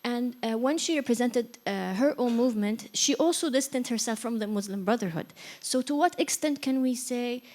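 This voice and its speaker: Hesitant woman from Egypt, higher voice. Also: normal speed, hardly any pauses, darkish tone. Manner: hesitant, many fillers, earnest. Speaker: audience member asking a question. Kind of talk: hesitant spoken question at a seminar.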